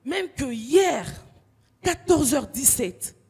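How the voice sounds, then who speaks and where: A woman's voice: high voice, animated, slow, vocal fry, warm tone, in a large hall, pitched above the performer's own voice, full character voice. Whiny tattling pillow as a woman puts it on. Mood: whining. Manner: complaining, tattling in sobs. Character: whiny, melodramatic talking pillow, male.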